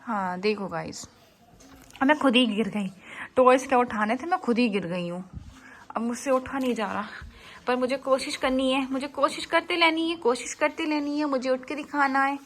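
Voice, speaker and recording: A woman's voice: high-pitched, moderate pace. A woman voicing a cheerful, chatty baby girl, narrating a vlog in the first person in sweet, sing-song baby talk. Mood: playful.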